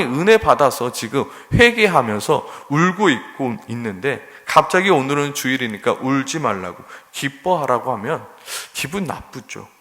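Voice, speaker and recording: A man preaching a sermon, earnest, moving from loud pleading to hushed near-whispers. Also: medium pitch. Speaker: pastor. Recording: long hall reverb.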